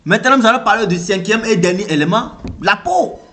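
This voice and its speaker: Man, african french accent, motivational speaker, high-pitched, animated, repetitive, light background noise. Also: brisk. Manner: animated, repetitive, rhetorical questions, acts out reactions. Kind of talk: motivational talk to camera.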